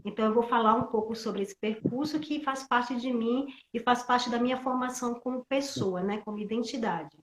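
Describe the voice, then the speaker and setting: A middle-aged woman from Pernambuco speaks over a live video call. Her voice sits a little high and rings in an echoey room. She talks slowly and reflectively, often restarting as she searches for words. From Pernambuco, Brazil. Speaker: guest actress and theatre teacher. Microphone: computer mic on a video call.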